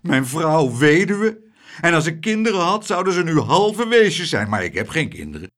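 A man's voice: fairly high pitch, big pitch swings, moderate pace, fairly bright tone, pitched above the performer's own voice. A man voicing a timid, fretful middle-aged husband in an audiobook, whining and self-pitying.

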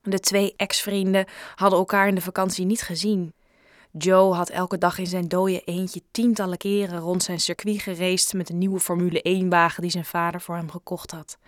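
A woman reading a children's novel aloud with clear, steady storytelling narration. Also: fairly low pitch, moderate pace, no echo, clean studio sound. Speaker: audiobook narrator. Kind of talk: scripted narration.

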